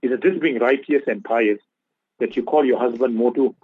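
A man's voice: medium pitch, moderate pace, husky, dry recording, phone-quality sound. A man giving religious advice on a radio talk show, preaching and repeating key phrases for emphasis. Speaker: Islamic scholar on radio.

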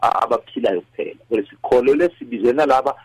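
Casting: South African male faith-show guest, husky mid-range voice, close dry sound, code-switching. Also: medium pitch, quick pace, no echo, low-quality recording. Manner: mixes English with a Nguni language. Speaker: radio discussion guest. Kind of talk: devotional talk.

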